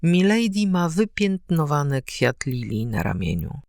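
A woman's voice: sits low, big pitch swings, a little slow, vocal fry, a little mellow, dry recording, clean studio sound, exaggerated voice. A woman reading the part of a hot-headed young male swordsman, urgent and solemn. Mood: hushed urgent.

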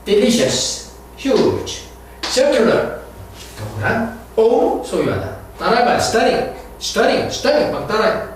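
Rich: A man teaching English vocabulary, his voice high and swinging widely in pitch as he repeats each word for drilling. The recording is very echoey and distant, with a faint hiss. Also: very slow. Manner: drills words by repeating them, animated teacherly delivery. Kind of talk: recorded vocabulary and pronunciation lesson.

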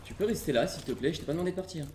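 A man from Burgundy streams a game live and talks to his viewers the whole time, joking, hyping himself up and swearing in a friendly way. His voice sits a little high. The room is echoey, and steady noise runs under everything. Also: racing. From Burgundy, France. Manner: playful, excitable, swears casually. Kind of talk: live gaming commentary.

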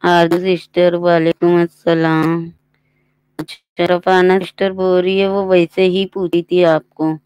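A woman's voice: on the low side, flat delivery, a little slow, a little mellow, smooth. A woman hosting a live stream, greeting viewers by name one after another and reading their chat messages aloud in a casual way.

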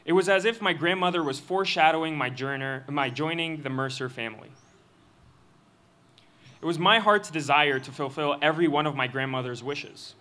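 A young man giving a student speech at a graduation ceremony, reading a prepared text into a podium microphone in an earnest, measured way. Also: a little high, pushed and bright. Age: young adult. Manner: earnest, measured delivery with occasional slips. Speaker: student commencement speaker. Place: outdoor stage of a graduation ceremony.

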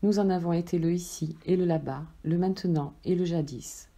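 A woman voicing a gentle, loving soul that speaks softly and patiently. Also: lowish voice, moderate pace. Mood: tender. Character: gentle, loving friendly soul, calm and tender.

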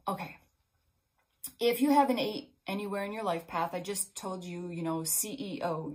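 A middle-aged woman giving a casual spiritual pep talk as a numerology reader, rambling and heartfelt, full of fillers and restarts, often dropping to a soft murmur. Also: lowish voice, poor audio. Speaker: numerology and intuitive guidance reader.

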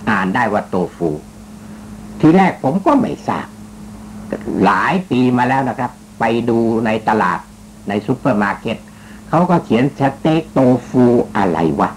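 A radio talk host with a mid-range voice tells a story in casual spoken commentary, joking and teasing while staying polite and using frequent particles. The recording is rough, with slight background noise.

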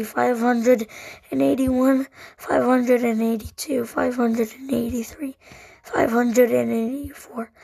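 A woman's voice: fairly high pitch, creaky, darkish tone, breathy edge, poor audio. A woman hosting a casual vlog, counting numbers aloud one by one at a desk microphone with chatty asides. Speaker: channel host.

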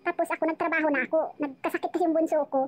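High, fast-talking woman telling her story. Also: steady tone. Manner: rambling, emotional, with frequent restarts. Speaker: storyteller on a live chat. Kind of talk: casual life-story telling.

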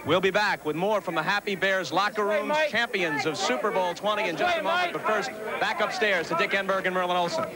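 A man's voice: high voice, lively intonation, brisk, hardly any pauses. A man working as a sideline reporter, asking postgame questions in a polished broadcaster's manner into a handheld mic. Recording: noisy crowd behind.

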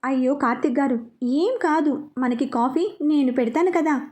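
A woman's voice: sits high, moderate pace, a little mellow, close to an everyday voice. A woman voicing a friendly young woman who pleads and chats cheerfully. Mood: pleading.

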